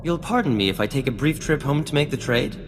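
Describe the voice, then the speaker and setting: A male actor voices a vain, refined scientist-inventor in a video game cutscene, formal, theatrical and florid, with a smug, airy mood. His natural, medium-pitched voice is animated and quick. The recording has long reverb, music underneath and background noise.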